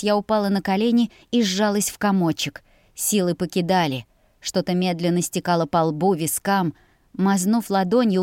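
A woman's voice: on the low side, a little mellow, dry recording, clean studio sound. A woman reading a first-person fantasy audiobook as narrator, with a dramatic and emotive delivery.

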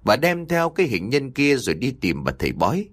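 A man narrating an audio story in a dramatic, expressive way. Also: mid-range voice, fairly quick.

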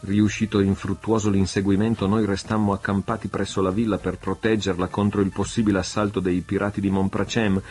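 A man's voice: lowish voice, little pitch movement, fairly quick, few pauses, darkish tone, faint music behind, natural voice. A man reading the lines of a captured soldier, hesitant and reluctant to talk. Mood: explaining. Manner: reluctant, yielding.

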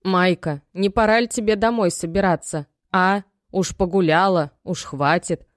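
A woman's voice: on the low side, normal speed, no room sound, studio quality, natural voice. A woman voicing an aging, worried mother who scolds and pleads in homely, folksy speech. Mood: scolding. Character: aging worried mother, stern yet loving.

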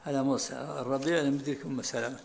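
Brief: sheikh teaching a religious text, fast-talking, gravelly voice, faint background hiss. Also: male voice, mid-range voice, steady tone, darkish tone. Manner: explains by repeating and rereading lines of the text. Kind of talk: commentary in a religious lesson.

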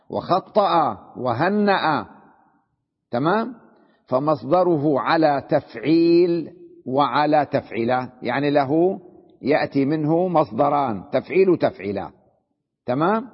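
A man's voice: a little high, husky. A man teaching a grammar lesson as a sheikh, reading a text aloud and then explaining it, often checking that his students follow. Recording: dull lo-fi recording in a reverberant hall.

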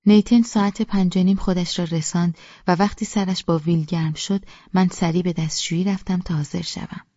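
A woman's voice: lowish voice, warm tone, dry recording, muffled recording. A woman narrating a first-person audiobook with a wry, self-deprecating storytelling manner.

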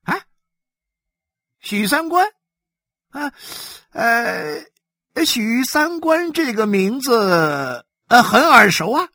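A man voicing a boisterous male blood-station chief in a storybook reading, high and loud and laughing. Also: big pitch swings, extremely slow, long pauses, dry recording, heavily acted. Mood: gleeful.

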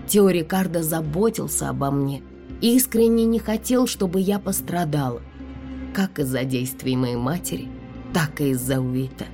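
A woman narrating a dramatic first-person audiobook in an expressive way. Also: sits low, moderate pace, soft background music.

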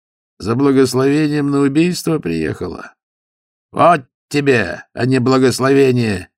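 A man voicing a gruff, sharp-tongued monastery stoker who scolds and mocks. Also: low voice, measured pace, no room sound, clean studio sound, exaggerated voice. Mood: rude. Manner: rough, scolding, mocking.

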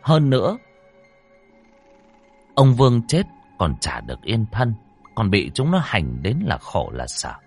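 A man narrating a ghost story in an expressive, dramatic storytelling manner. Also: fairly low pitch, measured pace, pauses often, husky. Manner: expressive, rising and falling storytelling. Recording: dry close mic with faint music.

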